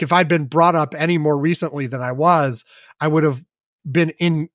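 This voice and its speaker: A man's voice: on the high side, dry recording, clean studio sound. A man co-hosting a casual podcast chat, rambling in a wry, self-mocking way and swearing offhandedly. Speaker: podcast co-host.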